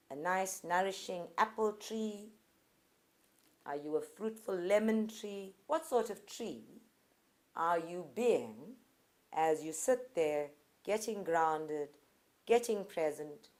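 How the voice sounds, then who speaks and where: A woman leads a live group meditation at a centre, her fairly low, darkish voice moving very slowly and deliberately. She speaks in short phrases separated by pauses.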